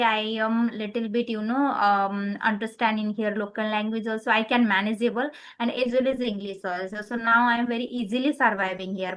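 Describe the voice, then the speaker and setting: A woman's voice: on the high side, a bit bright. Friendly woman asking questions. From Nepal. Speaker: conversation partner asking questions. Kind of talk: casual conversation practice.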